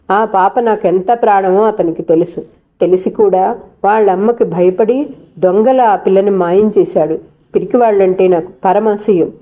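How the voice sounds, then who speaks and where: A woman's voice: mid-range voice, warm tone, natural voice. A woman voicing a proud, bitter young married woman who talks back sarcastically and defiantly.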